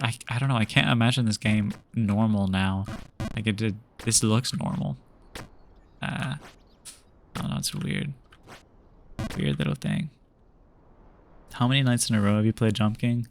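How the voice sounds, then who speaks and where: Here a young man with a gravelly, medium-pitched voice chats loosely with viewers during a game stream, meandering along with plenty of fillers and restarts. A little background noise can be heard.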